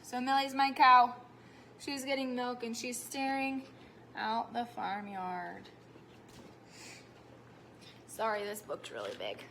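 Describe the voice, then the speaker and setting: A woman teacher reading a picture book aloud to young children, animated, stopping often to ask them questions. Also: fairly high pitch, takes it slowly, vocal fry, long pauses, a little hiss or hum.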